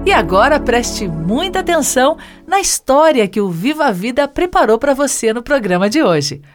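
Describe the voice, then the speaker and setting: A Brazilian-accented woman hosts a radio show in a scripted presenting style. Her voice is on the high side with animated intonation, and loud music plays behind her. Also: normal speed. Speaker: radio host, interviewer.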